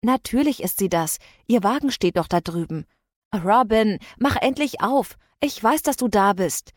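A woman reading aloud plays a worried female friend who keeps calling out with urgent, pleading insistence. The voice sits a little low, and the sound is dry and close, with no room around it. It has the plain feel of an audiobook. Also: expressive, moderate pace, a little mellow, dry recording.

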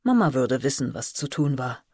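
A woman reading a suspense novel aloud as narrator, in measured, expressive storytelling. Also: extremely low pitch, husky, no echo. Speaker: audiobook narrator. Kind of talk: scripted audiobook narration.

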